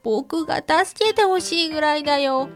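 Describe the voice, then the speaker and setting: Woman doing a high childlike young zebra boy. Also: animated, slow pace, full character voice. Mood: tearful. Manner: childlike and bright. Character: cheerful young male zebra. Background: faint music.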